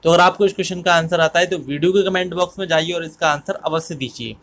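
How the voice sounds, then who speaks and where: A man explaining current affairs quiz questions for exam preparation in a steady, explanatory manner, repeating each answer. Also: fairly high pitch, fast talker. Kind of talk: exam-prep quiz lesson.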